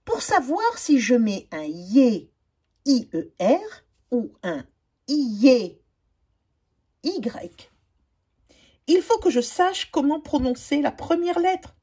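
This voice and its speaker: A woman, a teacher slowly going over spelling exercises and spelling out letters one by one. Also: high-pitched, sing-song, mellow, breathy edge. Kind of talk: spelling lesson correction.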